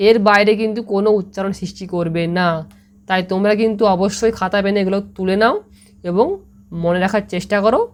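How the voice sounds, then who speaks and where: A woman with a Bengali accent, teaching English pronunciation to students, patiently repeating each word and checking that they follow. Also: mid-range voice. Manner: patient, repeats words slowly, asks "ঠিক আছে?" often. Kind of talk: explaining lesson to students.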